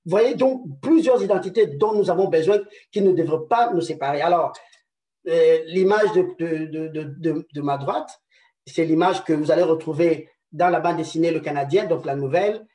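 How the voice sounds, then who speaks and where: A man's voice: fairly high pitch, moderate pace, warm tone, roomy sound, far from the mic. A man giving a conference presentation, hesitating often with repeated words and fillers, and checking in with his audience through rhetorical questions. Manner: rhetorical "n'est-ce pas" tags. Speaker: conference speaker. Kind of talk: presentation lecture.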